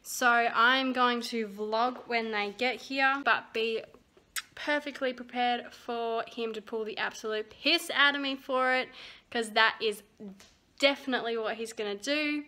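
A woman's voice: on the high side, steady tone, unhurried, bright, forceful tone. A young woman vlogging casually on her phone, chatty, laughing often and swearing freely. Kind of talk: casual vlog chat.

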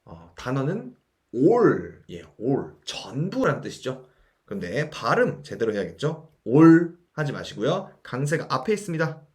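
A male English teacher who takes his time, saying each word slowly and patiently. His voice rises and falls a lot, carrying the rhythm of a language lesson. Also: medium pitch, huge pitch swings. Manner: slow, patient explaining, repeating words for practice.

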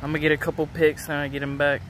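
A young man races through a casual vlog of his fishing catches, speaking into a handheld phone by a city pond. His voice is a little high and completely flat. Background noise accompanies him.

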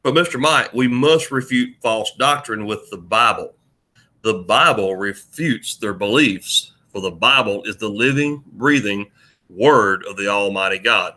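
A man's voice: fairly low pitch, a little slow, pushed and bright. A man voicing an earnest, preacherly Bible-study friend who recites scripture firmly. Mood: stern.

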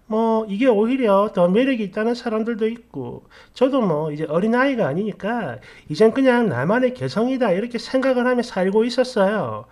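High, animated male story narrator. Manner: blunt, sarcastic commentary. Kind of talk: story reading with commentary.

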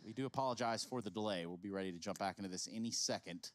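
A man bantering playfully on an esports broadcast during a pause, joking and easygoing. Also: on the low side, no echo. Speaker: esports commentator.

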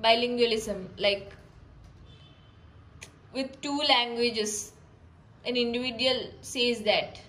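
A woman's voice: fairly high pitch, slow, pauses often, a bit bright, a little hiss or hum, rough recording. Woman tutoring through exam notes. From India. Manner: explains with examples, frequent fillers and restarts. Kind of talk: casual exam-prep lesson.

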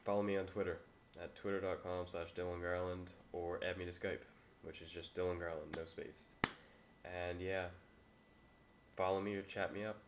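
Deep, flat-voiced young man with stuffy nose. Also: moderate pace, slight background noise. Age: young adult. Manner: low-key, hesitant, rambling. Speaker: vlogger and amateur filmmaker. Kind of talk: casual, unscripted update vlog. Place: small room indoors. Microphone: webcam or laptop mic at arm's length.

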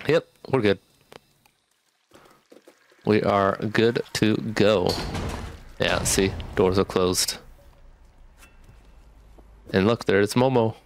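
A man's voice: lowish voice, fairly even intonation, slow, pauses often, slight background noise. A young man doing casual let's play commentary, talking with retainers in his mouth and a little sick with a cough. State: getting over a sickness with a cough. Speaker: gaming streamer. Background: game music.

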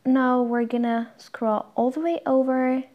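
Tutorial host, woman, slightly high voice, plain step-by-step instructions. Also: little pitch movement, measured pace, muffled recording. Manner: plain instructional, talks through each tap.

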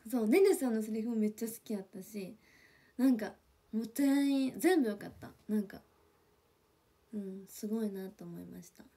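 Soft-spoken young woman gushing on a livestream. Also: mid-range voice, moderate pace, breathy edge. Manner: chatty, gushing, many fillers, drops to whispers. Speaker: idol livestreamer reading viewer comments. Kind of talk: casual livestream chat. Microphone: phone or webcam for a livestream.

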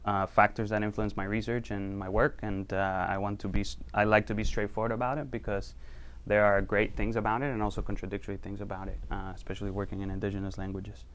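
A man giving an academic presentation in a lecture room, his voice sitting on the low side and sounding smooth and clear. He talks in a loose, conversational way, pausing on fillers as he walks through his slides. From Costa Rica. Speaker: university researcher giving a talk. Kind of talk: academic presentation to a small audience.

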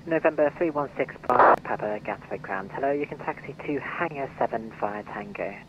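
A man's voice: mid-range voice, brisk. A man working as an air traffic controller, giving clipped, businesslike instructions over an aviation radio. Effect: heard over an aviation radio. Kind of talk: radio phraseology. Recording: dull lo-fi radio audio.

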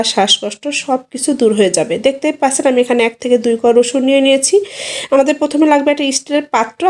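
A woman giving a step-by-step instructional voice-over, steady and explanatory, speaking directly to viewers. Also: high voice. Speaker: home tips vlogger.

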